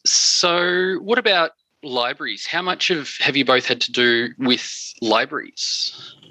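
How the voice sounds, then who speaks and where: A man hosting an interview, asking friendly questions in a hesitant, halting way. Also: mid-range voice, pushed and bright, dry recording, rough recording.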